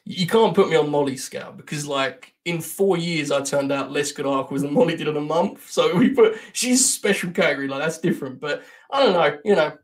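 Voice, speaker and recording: British male guest, quick talker, rambling and self-deprecating, a touch higher voice. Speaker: podcast guest. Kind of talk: casual chat.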